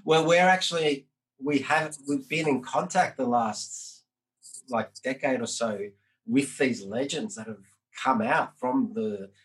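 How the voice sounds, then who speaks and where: A man's voice: mid-range voice, a little slow, poor audio. A man hosting a casual podcast conversation, talking in a rambling way with many fillers. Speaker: podcast host.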